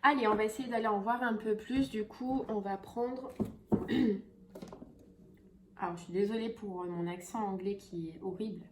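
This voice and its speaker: A woman's voice: mid-range voice, fairly even intonation, moderate pace, long pauses, noisy background. Chatty woman doing a casual tarot reading. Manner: chatty, many fillers and repeats. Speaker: tarot reader.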